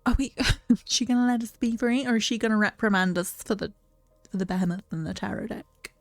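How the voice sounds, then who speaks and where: A woman's voice: medium pitch, little pitch movement, fairly quick, no echo, soft background music. Chatty woman commentating a game. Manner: chatty, emotional, reactive. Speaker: game streamer. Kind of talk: let's play commentary.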